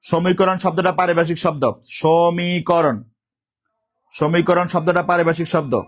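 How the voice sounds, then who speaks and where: Soft-spoken male teacher with a sore throat. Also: a little high, fairly even intonation, fairly quick. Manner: repetitive, calls out student names and drills questions. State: sore throat, speaking softly. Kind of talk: live online exam-prep class.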